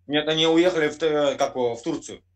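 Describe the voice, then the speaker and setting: Fast, crude-talking man on webcam. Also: on the high side. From Russia, born in Kyiv. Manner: crude, swearing, quick retorts. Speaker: truck driver caller. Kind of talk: heated video chat argument. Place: indoor room. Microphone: webcam video call.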